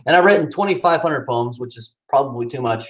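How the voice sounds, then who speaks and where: At home, a man talks casually about his cat before reading his own poems with a swooping, dramatic delivery full of pitch swings. He speaks fast, with lively intonation and a fairly bright tone.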